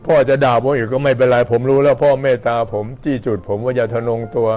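A man's voice: mid-range voice, fairly even intonation, fast talker, a little mellow, soft background music, natural voice. A man voicing a proud, middle-aged layman who pleads and weeps as his pride breaks, in a told story. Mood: tearful. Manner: pleading, tearful outbursts.

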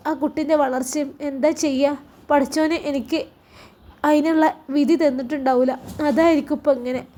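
A woman voicing a sorrowful elderly mother who pleads softly, in a Malappuram Malayalam accent. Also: high-pitched, fairly even intonation, a little fast, close to an everyday voice. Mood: pleading.

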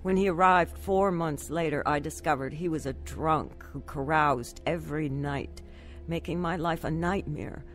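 Soft music plays behind a low-pitched, unhurried woman's voice as an actress portrays an anxious, troubled young woman in a radio drama. She tells her life story earnestly in a somber, confiding testimony that blends narration and acting.

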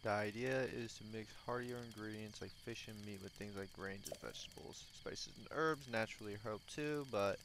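A man reading a lonely old hermit's lines in a slow, earnest, theatrical voice. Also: lowish voice, background noise, close to an everyday voice. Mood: wistful. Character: lonely old male hermit, gentle and wistful. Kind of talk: reading game dialogue in a put-on voice.

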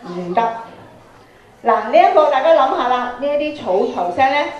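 A middle-aged woman with a Hong Kong Cantonese accent runs an interactive radio drama workshop for students in a large indoor auditorium, on and in front of the stage. She instructs, prompting with questions and tag particles, in a high, expressive voice at normal speed. Her handheld mic goes through the PA, giving roomy auditorium sound with the highs cut off.

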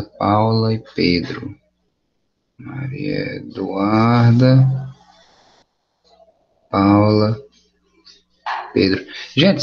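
Teaching English online, a Brazilian Portuguese-accented man keeps a patient, encouraging, laid-back manner. His fairly low voice has a gravelly edge, and the video-call sound comes through dull and lo-fi.

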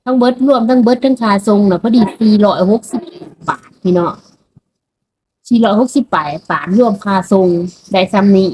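A woman from Laos speaks with a Lao accent in a casual food vlog, her voice sitting at an ordinary middle pitch. She talks chattily and straight to her viewers, with a faint hiss of noise behind her. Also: normal speed, dark tone, poor audio. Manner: chatty, keeps addressing viewers as brothers and sisters. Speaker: vlogger.

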